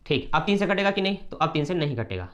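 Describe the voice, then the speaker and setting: A man teaching a math lesson step by step, brisk and repetitive, often checking that students follow. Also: a little high, very animated.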